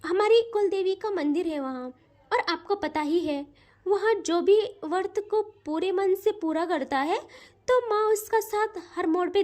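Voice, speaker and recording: A woman's voice: extremely high pitch, a little mellow. A woman voicing a devout middle-aged mother who gives earnest advice in a story. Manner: earnest, advising.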